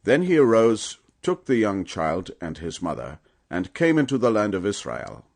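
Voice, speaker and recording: A man with a fairly low voice reads scripture for an audiobook, solemn and measured with deliberate phrasing. His intonation is highly animated, swinging widely in pitch to add dramatic weight.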